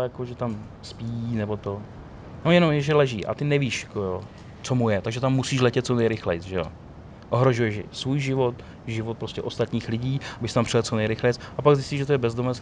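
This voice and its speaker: A man's voice: medium pitch, a little hiss or hum. Chatty man telling street stories outdoors. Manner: animated storyteller, quotes others. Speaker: guest telling of police ride-alongs. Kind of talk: casual chat.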